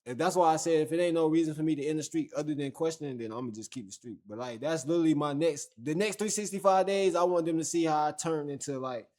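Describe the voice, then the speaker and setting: A man's voice: on the high side, quick pace, hardly any pauses, darkish tone. A young man from Fayetteville, North Carolina, hosting a livestream in loose, slangy, profane casual chat full of fillers. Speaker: livestream host.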